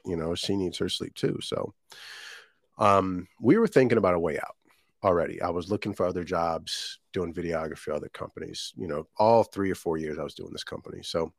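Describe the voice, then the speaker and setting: A man's voice: sits low, no room sound, studio quality. A man from Jamaica, a guest in his thirties, telling his business story in a rambling, casual way with many ums and restarts. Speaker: guest, shortbread business owner.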